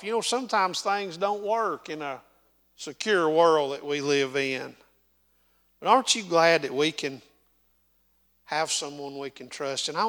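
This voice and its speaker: A man's voice: fairly high pitch, pushed and bright, in a large hall. A man with an Appalachian hillbilly accent preaching a folksy, dynamic sermon in a church. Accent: Southern Appalachian. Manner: folksy, dynamic, drawn-out emphasis. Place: church sanctuary.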